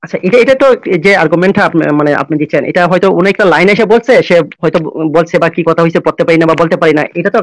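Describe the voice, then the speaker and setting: A man, answering haltingly with many restarts in an online religious debate. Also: fairly high pitch, no echo. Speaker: debate guest.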